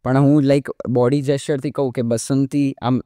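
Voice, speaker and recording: A man's voice: mid-range voice, a little fast, no room sound, clean studio sound. A young man in his early twenties, a mimicry artist from India, talking casually as a podcast guest and sprinkling in English fillers. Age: young adult, early 20s. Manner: relaxed explaining, often drops in English fillers like "like". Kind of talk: casual interview talk.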